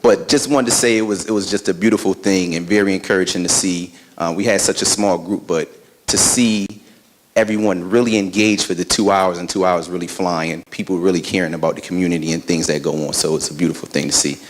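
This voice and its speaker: A man's voice: sits low, fairly even intonation, brisk, poor audio. A man facilitating a community forum, speaking in an upbeat, encouraging way. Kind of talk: public remarks at a community forum.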